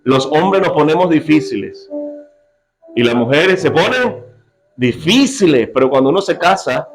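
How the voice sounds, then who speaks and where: A man's voice: a little high, measured pace, over music, low-quality recording. A man preaching a sermon to a church congregation, joking and often asking the listeners questions. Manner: lively, joking preacher who quizzes his congregation. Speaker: pastor.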